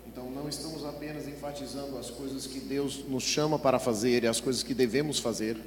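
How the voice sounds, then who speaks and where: A man interpreting a sermon live in a large church, speaking quickly and fluently with small restarts. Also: medium pitch, fairly even intonation. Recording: echoey church hall with faint noise.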